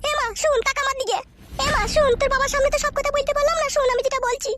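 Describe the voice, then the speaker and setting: A man's voice: flat delivery, very fast. A performer voicing a crude, scolding middle-aged village mother through a sped-up chipmunk effect. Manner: nagging, vulgar. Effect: sped-up chipmunk pitch.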